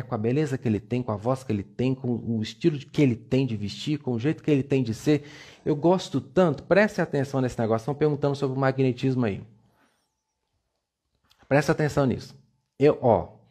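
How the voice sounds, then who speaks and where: A man's voice: medium pitch, warm tone, husky. A man, giving a playful, coaxing motivational talk on a live stream and repeating words for emphasis. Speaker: live-stream self-esteem coach.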